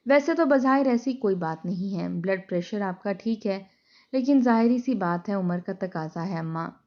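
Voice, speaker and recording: A woman tells a moral story in a steady, dramatic narrating voice of middle pitch. The sound is dull and lo-fi, like a home recording. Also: normal speed. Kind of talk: scripted narration.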